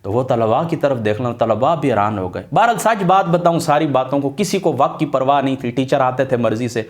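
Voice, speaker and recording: Earnest middle-aged man telling stories. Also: mid-range voice. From Pakistan, Attock area. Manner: earnest, animated storyteller who swears oaths to his truthfulness. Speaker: Islamic religious scholar. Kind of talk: casual storytelling talk.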